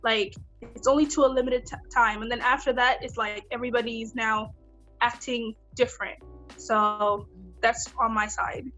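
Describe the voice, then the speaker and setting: A woman's voice: a little high, steady tone, moderate pace, sharp tone, soft background music. A woman who models, co-hosting a casual podcast chat, speaking candidly and emphatically with frequent restarts.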